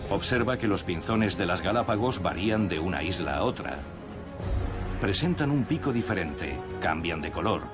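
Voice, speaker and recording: A man with a fairly low voice narrates a nature documentary from a script. Music plays clearly behind him as he speaks. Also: animated, moderate pace. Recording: music under the voice. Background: prominent music.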